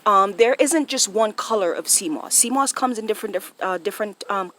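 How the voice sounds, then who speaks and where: Speaking a little fast at a medium pitch with a fairly bright tone, a Jamaican-accented woman hosts an impromptu phone-recorded explainer for viewers. She keeps it casual and checks in often with short tag questions.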